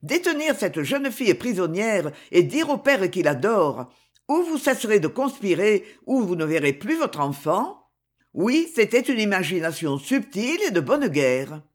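Narrator doing a grave, calm, sinister queen, bit husky, lots of movement in pitch. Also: unhurried. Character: queen, grave, calm and coldly menacing woman. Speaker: character in a read novel. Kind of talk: audiobook reading.

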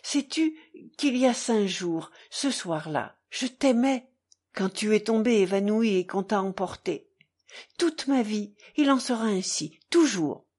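A woman's voice: on the high side, animated, a little mellow, husky, exaggerated voice. A woman reading as an impulsive exalted young man. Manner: halting, stopping at each word. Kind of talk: audiobook reading.

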